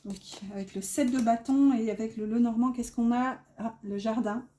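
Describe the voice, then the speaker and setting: A woman's voice: on the high side, fairly even intonation, moderate pace, warm tone, a little hiss or hum. A woman with a slight northern French accent giving a casual tarot reading to viewers, hesitant and full of fillers as she talks through each card. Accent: northern French (ch'ti). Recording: echoey room.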